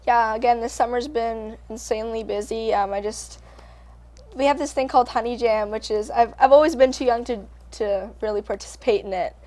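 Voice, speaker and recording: A woman's voice: fairly high pitch, a little fast, warm tone. A teenage girl from Canada, a country singer, chatting upbeat in an interview with plenty of ums and likes. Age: teens. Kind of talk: casual interview.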